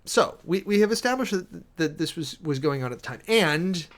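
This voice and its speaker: A man streams himself reading a document aloud, breaking in with wry, sardonic commentary as a streamer and preacher. His voice sits on the high side with lively intonation, and his pace swings between halting emphasis and rapid reading.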